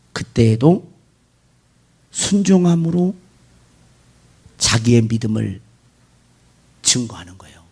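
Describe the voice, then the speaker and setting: A male pastor delivering an animated sermon, firing rhetorical questions at the congregation and mimicking worshippers' prayers. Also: on the high side, slightly rough.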